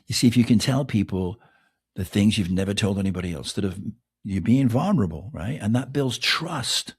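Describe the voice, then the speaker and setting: Fired-off rhetorical questions make the pitch of this middle-aged Englishman's gravelly, slightly husky voice swing widely. He's a podcast host delivering a casual monologue full of self-mockery.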